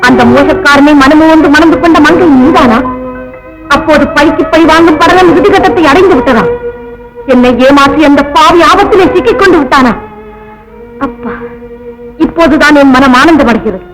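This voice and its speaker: A woman's voice: sits high, moderate pace, pauses often, natural voice, poor audio. A woman playing a proud, vengeful, scornful lady. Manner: scornful, declamatory, relentless. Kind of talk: 1950s film melodrama acting. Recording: old film soundtrack with loud music.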